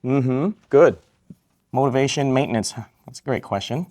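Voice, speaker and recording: A man's voice: medium pitch, moderate pace, dark tone. A man from Vietnam who works as a psychiatrist, giving a live question-and-answer talk to students, upbeat and joking, repeating each question back.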